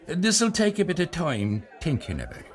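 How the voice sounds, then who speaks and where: A man's voice: fairly high pitch, huge pitch swings, moderate pace. An actor playing a gullible, good-natured Irishman with a quaint, hesitant way of talking in an audio drama. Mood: wary. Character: gullible, good-natured Irish drinking pal, a bit slow.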